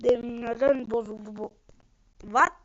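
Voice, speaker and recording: A woman streamer giving live gameplay commentary, excitable and swinging between low mutters and sudden outbursts. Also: measured pace, dry recording. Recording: muffled lo-fi screen recording.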